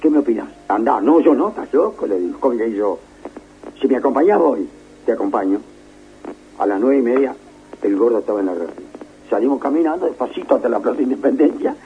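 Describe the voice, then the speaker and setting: A man's voice: mid-range voice, brisk, narrow, tinny audio, slight background noise. An older man with a Uruguayan Spanish accent, a radio broadcaster telling an anecdote in casual chat and acting out the voices. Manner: lively, acts out the voices in his story.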